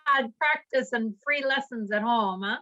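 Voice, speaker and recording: A woman taking part in a group class chats casually and laughs easily. Her voice is high and bright, with lively swings in pitch. The audio is dull and lo-fi. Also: measured pace. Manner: laughing, warmly amused. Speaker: class participant. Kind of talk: casual chat.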